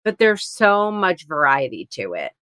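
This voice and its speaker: A woman with a fairly low voice co-hosting a food podcast, chatting eagerly and laughing easily. Her sound is dry and close, with no room around it. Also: big pitch swings, unhurried, fairly bright tone, dry recording. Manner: enthusiastic, talkative, laughs often. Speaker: podcast co-host. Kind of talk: casual chat.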